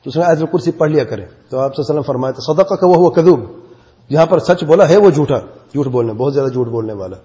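Man, religious teacher, encouraging, mellow tone, dull audio, reverberant hall. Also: mid-range voice, few pauses. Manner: encouraging, explanatory. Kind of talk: classroom teaching.

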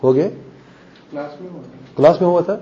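A man's voice: a little high, dark tone. A male grammar teacher giving a classroom lesson, patiently quizzing students and explaining rules step by step, on a dull lo-fi recording. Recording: dull lo-fi recording with faint noise.

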